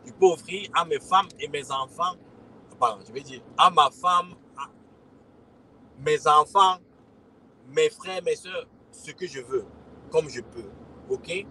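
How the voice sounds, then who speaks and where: A man's voice: fairly high pitch, takes it slowly, pauses often, pushed and bright, a little hiss or hum, rough recording. A man in his forties from Cameroon with a Cameroonian French accent, casually talking to his followers, often checking in with "ok?" and repeating himself. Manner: repetitive, addresses listeners as "les gars", frequent "ok?". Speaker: crypto consultant and community host. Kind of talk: casual livestream talk to followers.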